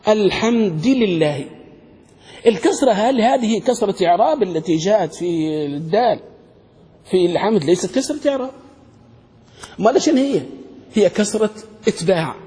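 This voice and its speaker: High-voiced sheikh lecturing in a hall. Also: male voice, mellow. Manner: poses questions to students and answers them himself, repeats key words. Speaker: sheikh teaching Arabic grammar. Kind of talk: classroom lecture on a grammar text. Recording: reverberant hall.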